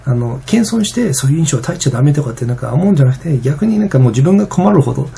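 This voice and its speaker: Fast, gravelly, husky-voiced man. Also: fairly high pitch, lively intonation, warm tone. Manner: rambling, many fillers and restarts. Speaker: vlogger. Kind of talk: casual vlog monologue.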